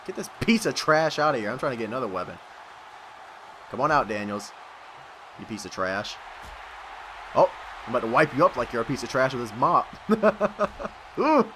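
A man hosting a gaming video, giving excitable let's-play commentary, yelling, laughing and trash-talking his opponent. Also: mid-range voice, brisk, long pauses, a little hiss or hum. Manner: laughs often.

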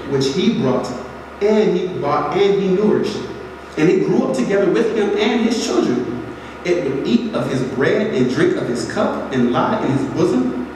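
A man's voice: a little high, darkish tone. A young man preaching a sermon from a pulpit, earnest and direct, repeating phrases for emphasis. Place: large church sanctuary. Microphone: pulpit mic, filmed from far back in the pews. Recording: echoey hall from far off, audible noise.

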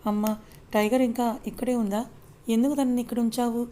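A woman's voice: a little high, steady tone, brisk, mellow, a little hiss or hum, natural voice. A woman storyteller voicing a sulky, playfully complaining young wife in an audio story. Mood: sulky complaint. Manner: pouting, complaining.

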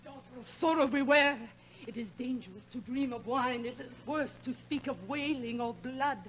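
A woman's voice: a little high, fairly even intonation, moderate pace, slight background noise, natural voice, low-quality recording. An actress playing an anxious woman attendant who gives solemn, urgent warnings in 1950s stage tragedy style.

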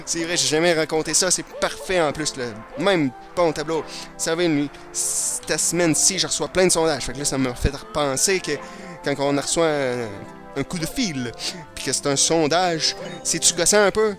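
Casting: Québécois man in his let's play, somewhat high voice, jittery nonstop chatter. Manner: hyper, rambling, talks nonstop and fast. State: slightly irritated throat. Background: video game music.

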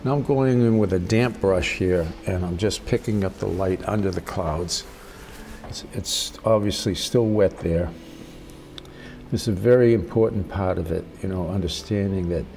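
An older man giving a casual watercolor tutorial as a gentle, encouraging, unhurried painting instructor. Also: low-pitched, slight background noise.

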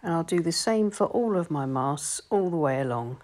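Woman, watercolour teacher, low voice, calm step-by-step explanation. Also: normal speed, a little hiss or hum. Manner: calm, explanatory, gently instructive. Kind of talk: painting tutorial voice-over.

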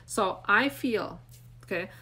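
Her mid-range voice is expressive, slow, sharp-toned and slightly rough. An Indonesian brand coach in her forties, she addresses live-stream viewers unscripted from a small room through a phone held at arm's length, rambling and filler-heavy yet earnest and encouraging.

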